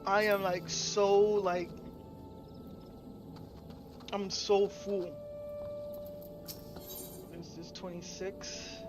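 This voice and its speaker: A stuffed, sleepy game streamer chats casually with the stream, rambling and drawling. The talk comes out very slowly. Game music plays clearly in the background. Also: medium pitch, flat delivery. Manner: drawling, rambling, laughing often. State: stuffed and sleepy after eating. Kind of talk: casual live-stream chat.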